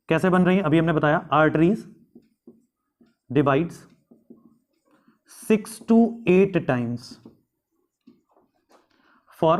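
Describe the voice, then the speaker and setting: A man teaching biology, asking questions aloud and answering them himself, drawing out key terms. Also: a little high. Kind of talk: classroom lecture.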